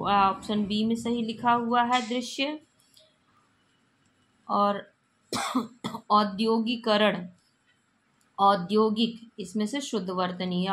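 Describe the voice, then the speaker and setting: A woman teacher works through exam-prep spelling questions in Hindi. She reads each question and then explains which form is correct. She repeats the correct forms plainly. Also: medium pitch.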